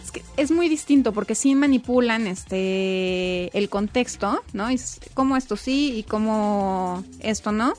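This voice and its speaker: A woman's voice: mid-range voice, measured pace, hardly any pauses, a little mellow, soft background music. A woman, a child development specialist, explaining emphatically in a casual conversation. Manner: explanatory, emphatic, quotes parents in raised voice. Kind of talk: casual expert chat.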